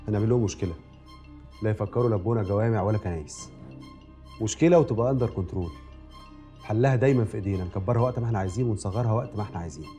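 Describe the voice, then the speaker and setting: An actor playing a world-weary, calculating senior security official with an Egyptian accent, in a TV drama. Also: male voice, on the low side, rapid-fire, long pauses, warm tone, faint music behind, lightly acted. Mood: weary scheming. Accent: Egyptian Arabic. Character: weary scheming senior security chief, man. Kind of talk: TV drama acting.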